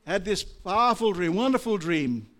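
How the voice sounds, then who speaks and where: Preaching a sermon, an Australian pastor shifts from quiet, measured speech into loud, impassioned delivery, his pitch swinging widely.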